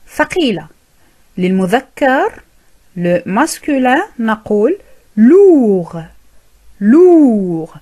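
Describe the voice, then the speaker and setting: A woman teaching a French lesson, saying each word slowly and repeating it several times for learners. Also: fairly high pitch, darkish tone. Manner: drills each word with careful, drawn-out repetition. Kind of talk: slow, repetitive language lesson.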